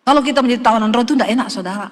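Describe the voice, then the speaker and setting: A woman's voice: on the high side, rapid-fire, big-room sound. A middle-aged woman pastor preaching a sermon. She talks in an emphatic, conversational way and speaks straight to the congregation.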